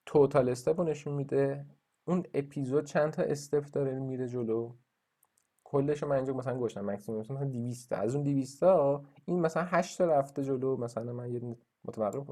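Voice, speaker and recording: A man's voice: mid-range voice, darkish tone. A man lecturing in a screen-recorded coding tutorial, thinking aloud with fillers and restarts as he walks through his code. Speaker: university lecturer.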